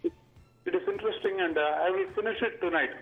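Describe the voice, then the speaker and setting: A man calling in to a radio show over a clipped phone line, chatting eagerly in quick bursts. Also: high-pitched, creaky, faint music behind. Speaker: radio caller. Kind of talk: casual call-in chat. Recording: tinny phone line from far off.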